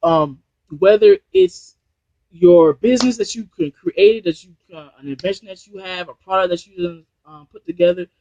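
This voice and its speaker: His high, somewhat mellow voice moves at ordinary speed, and the highs are cut off. A business trainer from New Jersey, he motivates viewers on a casual Bluetooth-headset live stream, rambling and often repeating or restarting what he says.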